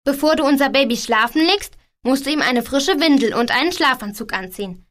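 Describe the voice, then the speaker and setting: A woman's voice: sits high, lively intonation, brisk, a bit bright. A woman voicing a friendly game helper who explains steps to the player. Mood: cheerful. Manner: instructive, addressing the player. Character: friendly female game helper giving instructions. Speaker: game guide. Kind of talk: scripted game instructions.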